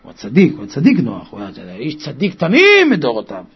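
A man preaching a Torah sermon with passion, swinging from quiet talk to loud cries. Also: mid-range voice, huge pitch swings, slightly rough. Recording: dull lo-fi recording.

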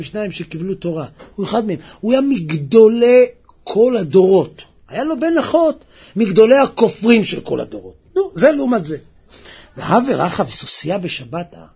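Animated gravelly man preaching a sermon. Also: highs cut off. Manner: dramatic, acts out quotes with rising pitch and cries. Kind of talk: sermon storytelling.

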